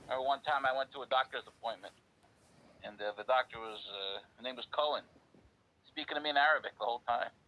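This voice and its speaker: A man's voice: mid-range voice, quick pace, bright, forceful tone, poor audio. A man with a New York accent hosting a casual chat, laid-back and joking, stretching words for emphasis. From United States. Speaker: host.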